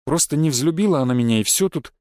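A man's voice: lively intonation, fast, darkish tone, dry recording, clean studio sound, natural voice. A man voicing a shy, gloomy young village lad who mumbles glumly. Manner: mumbling, glum, low.

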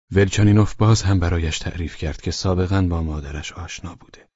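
A man narrating a novel as an audiobook in a measured, even manner, close to the mic. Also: sits low, breathy edge, no room sound, highs cut off. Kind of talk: scripted literary narration.

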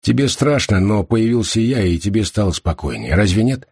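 A man reading the lines of a calm, firm, reassuring young man with a steady, measured manner and a very low, husky voice. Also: dry recording, clean studio sound.

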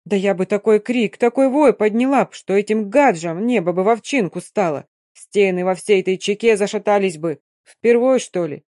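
A woman's voice: mid-range voice, moderate pace, no echo, studio quality, close to an everyday voice. Woman voicing a fierce old Romani nomad woman. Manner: loud, scolding, emphatic.

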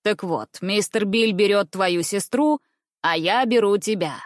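Female reader doing a laughing, bossy stout circus director; storybook, mid pitch. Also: a little slow, no room sound, studio quality, natural voice. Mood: amused. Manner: laughing, genial, commanding.

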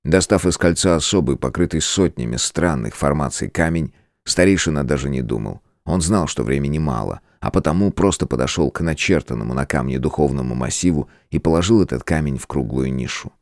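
A man narrating a fantasy audiobook in a measured, dramatic storytelling style. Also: very deep voice, lively intonation, no room sound, clean studio sound.

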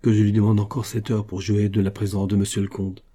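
A man reading the part of a devoted young nobleman, speaking earnestly and with feeling, in a dark, husky voice. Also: fairly low pitch, monotone, fast talker, natural voice.

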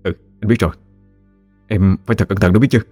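A man voicing a worried young village man who gently soothes his sweetheart. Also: on the low side, fairly even intonation, quick pace, no echo, faint music behind, close to an everyday voice. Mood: earnest. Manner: soothing, earnest.

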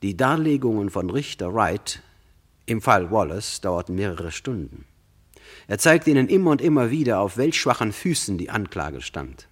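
A deep-voiced man narrates a true crime radio play, very animated yet sober and measured, explaining things directly to the listener.

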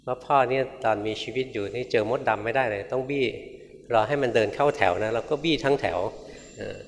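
A man, a Buddhist monk, giving a Dhamma talk in a conversational, gently humorous storytelling manner. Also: medium pitch, quick pace. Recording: reverberant hall with faint noise.

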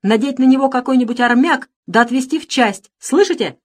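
Woman doing a furious hot-tempered gentleman. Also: fairly high pitch, lively intonation, normal speed, voice pushed up. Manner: shouting, indignant.

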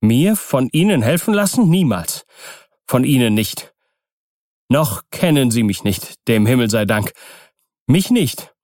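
A man's voice: medium pitch, normal speed, a little mellow, no echo, studio quality, natural voice. A man voicing Markheim, a frightened and desperate male murderer who talks in agitated exclamations.

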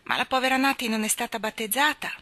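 Bright-voiced reader voicing a timid pious young woman, fearful, pleading, dry close sound. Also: fairly high pitch, fast talker, dry recording, voice pushed up. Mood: earnest. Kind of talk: audiobook character reading.

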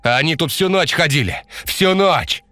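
A shrill, hysterical young man, as a male narrator plays him in a spoken horror story. He shrieks high above the narrator's own pitch and at full volume. The recording is close and dry. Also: very animated, moderate pace, pushed and bright, no echo, soft background music.

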